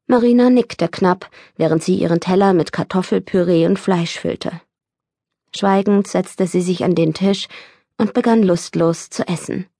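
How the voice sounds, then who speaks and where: A woman reading an audiobook in steady, measured scripted narration, recorded close in a studio. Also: fairly low pitch, dry recording. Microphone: studio microphone, close.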